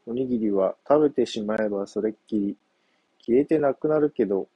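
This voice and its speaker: A man's voice: fairly low pitch, brisk, husky, no echo, highs cut off. A man voicing a hungry, sly young male monkey in a children's story, whiny and boastful.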